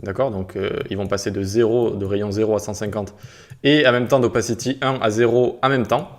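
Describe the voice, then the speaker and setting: A man's voice: lowish voice, fairly even intonation, a little fast. A man walking viewers through a coding tutorial step by step, in a casual explaining manner with little sound words as he clicks. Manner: casual, explains step by step, peppers speech with 'tac' and 'hop'. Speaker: web development instructor. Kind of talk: screen-recorded coding tutorial.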